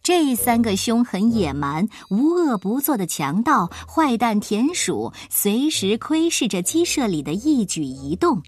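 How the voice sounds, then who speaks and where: A woman narrating a children's storybook with expressive, lively delivery. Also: on the high side, a little slow, hardly any pauses, soft background music.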